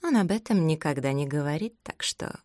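A woman voicing a calm, reserved female secretary who speaks in a measured way. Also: low voice, no echo, studio quality.

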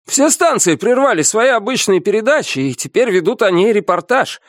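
A man's voice: high voice, very animated, normal speed, fairly bright tone, dry recording, studio quality, voice pushed up. A man voicing an out-of-breath male first mate on a ship, reporting news urgently. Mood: breathless, urgent.

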